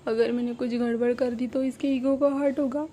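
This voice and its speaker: A woman's voice: high-pitched, brisk, mellow, a little hiss or hum, close to an everyday voice. A woman voicing a drunk, whiny young man who complains in a pouting, childish way. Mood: drunk whining.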